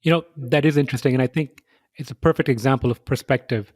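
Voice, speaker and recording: A man hosting a podcast interview, reading measured, scripted introductions and asking questions. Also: mid-range voice, a little mellow, dry recording, studio quality. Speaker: podcast host.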